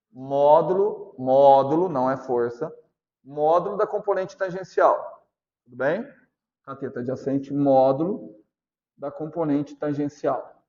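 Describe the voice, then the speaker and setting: A Brazilian man lectures a physics class in a fairly high voice. He keeps checking that students are following and repeats each step slowly. The recording is dull and lo-fi. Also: darkish tone. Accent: Brazilian Portuguese. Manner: asks constant check questions, repeats points slowly. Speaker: physics teacher.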